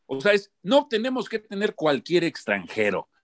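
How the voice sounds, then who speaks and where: Emphatic animated man arguing football. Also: sits high, moderate pace. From born outside Mexico. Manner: emphatic, animated, repeats himself. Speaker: football pundit. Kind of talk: heated panel debate.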